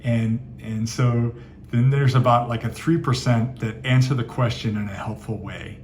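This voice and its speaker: A man's voice: medium pitch, a little hiss or hum. A man giving candid, chatty travel advice, answering viewer questions with frequent fillers and sarcastic asides. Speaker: travel vlogger. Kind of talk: casual Q&A monologue.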